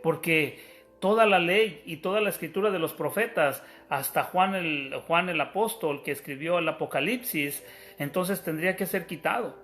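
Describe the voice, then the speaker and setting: A man's voice: on the high side, normal speed, fairly bright tone, faint music behind. A man preaching a sermon, explaining scripture step by step, calling his listeners brothers and often restarting his sentences.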